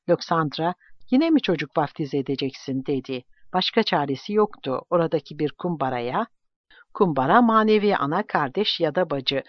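A man narrating an audiobook in a steady, measured reading voice. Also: fairly high pitch, no room sound. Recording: dull lo-fi, dry recording.

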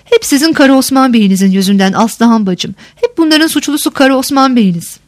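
A frightened young woman pleads and dodges questions in a hushed voice, read aloud by a woman. The voice sits somewhat high, with a dry, close sound. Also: expressive, a little fast, dry recording. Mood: bitter.

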